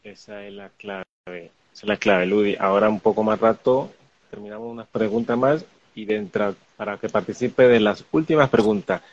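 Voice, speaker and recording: A man hosting an interview chat, speaking haltingly with frequent restarts. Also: on the low side, lo-fi sound. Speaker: host.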